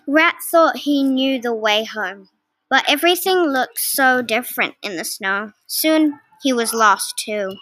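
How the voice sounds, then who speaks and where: A woman reading a children's storybook aloud, slow and careful. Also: sits high, expressive, a bit bright, no echo. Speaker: narrator.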